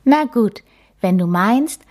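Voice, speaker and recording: A grumpy, doubtful little girl , as a woman reading aloud puts her on. Her voice is raised and breathy, childlike and sulky in a storybook way. She speaks slowly with lots of rise and fall. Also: fairly high pitch, lively intonation, darkish tone, voice pushed up.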